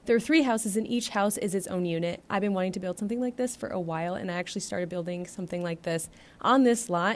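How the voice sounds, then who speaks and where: An American woman with a congested, blocked-nose sound, a little short of breath, giving a chatty, casual voiceover commentary. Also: medium pitch. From United States. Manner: chatty, rambling. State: getting over bronchitis, stuffed nose, short of breath. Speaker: gaming video creator.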